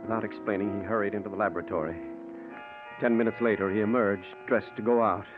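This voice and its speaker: An actor playing a killer's anxious, submissive brother who also narrates an old radio thriller. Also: male voice, on the low side, fairly even intonation, fast talker, natural voice. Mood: tense narration. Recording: tinny old radio recording with music.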